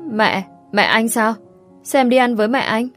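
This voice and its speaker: A woman voicing a gruff, blunt young husband with a curt, rough way of speaking, read in a storybook style. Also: lowish voice, normal speed, darkish tone, soft background music, lightly acted. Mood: surprised.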